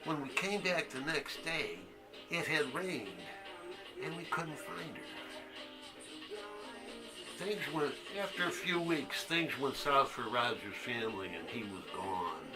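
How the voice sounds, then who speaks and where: In a one-act stage monologue, an actor plays a crude, haunted man confiding a boyhood secret, halting as he tells the story with intense, confiding feeling. His mid-range voice moves slowly with frequent pauses and sounds close to everyday speech. Music plays underneath, and the audio quality is poor.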